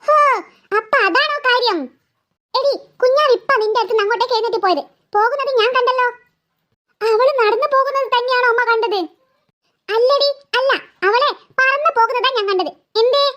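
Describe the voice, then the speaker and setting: An impatient cartoon mother who scolds and threatens her daughter. The voice is very high and sharp. She snaps her lines in quick irritation. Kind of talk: cartoon voice acting.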